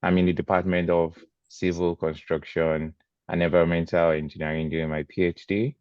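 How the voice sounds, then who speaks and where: A man's voice: low voice, little pitch movement, normal speed, a little mellow, clear, resonant tone, no echo, muffled recording. A man who is a graduate student association president, introducing himself briefly and enthusiastically on a student panel.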